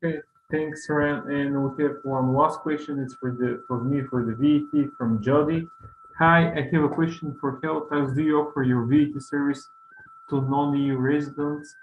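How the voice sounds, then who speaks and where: A man's voice: a little high, fairly even intonation, moderate pace. A man hosting an online webinar in a casual way, reading out questions from the audience. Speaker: webinar host. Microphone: makeshift setup on online call. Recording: hissy, echoey, phone-like call audio.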